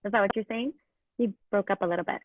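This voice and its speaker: Over tinny, phone-like video call audio with slight background noise, an elementary school teacher moderates questions in her class call. She talks fast in a mid-range voice, casual and encouraging, as if addressing young children.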